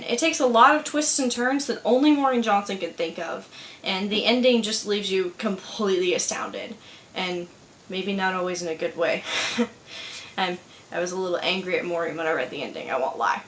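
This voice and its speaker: A woman's voice: medium pitch, moderate pace, echoey room, low-quality recording. A young woman chatting enthusiastically to camera about books she got, filmed at home. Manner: chatty, enthusiastic, laughs easily. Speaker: book vlogger. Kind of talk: casual chat to camera. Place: home room with candles. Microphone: camera filmed by her sister.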